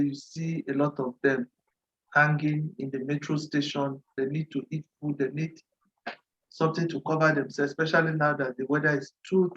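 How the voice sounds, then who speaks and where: A Cameroonian man with a fairly high, fairly bright voice gives a formal presentation as a nonprofit representative at a virtual dialogue. He speaks deliberately, repeats phrases and occasionally clears his throat, and the video-call audio is muffled.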